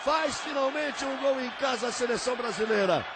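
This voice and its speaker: A man with a Brazilian accent giving fast, dramatic football commentary with shouted, drawn-out goal calls. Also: extremely high pitch. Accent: Brazilian Portuguese. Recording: loud crowd roar, noisy old broadcast. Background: roaring stadium crowd.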